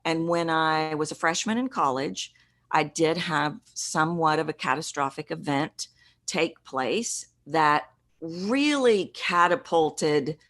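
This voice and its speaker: A middle-aged woman, a voice coach, telling a personal story in an interview in an earnest, reflective way with halting restarts. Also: sits low, fairly bright tone. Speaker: podcast guest, voice coach.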